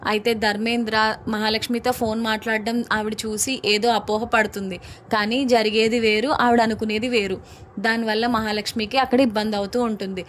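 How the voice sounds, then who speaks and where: A woman's voice: fairly high pitch, flat delivery, brisk, a little hiss or hum. A woman casually narrating a recap of a drama episode. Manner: chatty, fluent retelling.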